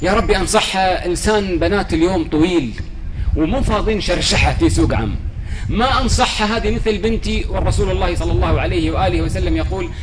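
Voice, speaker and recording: A man's voice: high voice, quick pace, background noise. A man giving a religious lecture, telling stories in a fervent, pleading way. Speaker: preacher.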